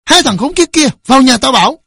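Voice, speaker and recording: Drunken middle-aged father, voiced by the narrator, bellowing and threatening, husky. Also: high-pitched, expressive, quick pace, fairly bright tone, no room sound, clean studio sound, voice pushed up, exaggerated voice. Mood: furious.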